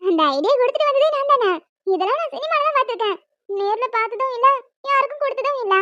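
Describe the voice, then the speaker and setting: A woman's voice: very high voice, lively intonation, quick pace, sharp tone, dry recording, heavily acted. Cheeky lovestruck girl student, voiced by a woman. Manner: playful and teasing. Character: bold cheeky young woman student in love. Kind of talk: audio drama acting. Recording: dry, dull lo-fi mic.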